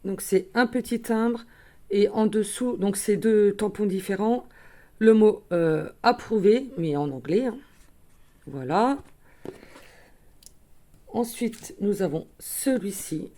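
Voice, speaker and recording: Showing viewers her craft buys in a casual show-and-tell, a woman talks chattily, using lots of fillers and correcting herself in small ways. Her mid-range voice is dark-toned, slow, and she pauses often.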